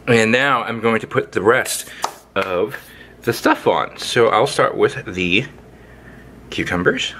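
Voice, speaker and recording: Host, male, cooking vlogger: lively rambling delivery, bright voice, faint room hiss. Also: on the low side. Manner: playful, rambling, with sing-song sound effects. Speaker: home cook, channel host. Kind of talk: casual cooking demo. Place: indoor kitchen, overhead camera on hands.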